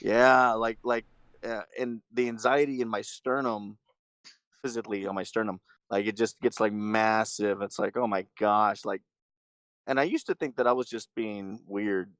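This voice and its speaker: A man's voice: on the low side, steady tone, normal speed, a bit bright, clear, resonant tone, no echo. Hesitant male guest, dry close sound. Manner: hesitant, dry self-deprecating humor. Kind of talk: casual chat.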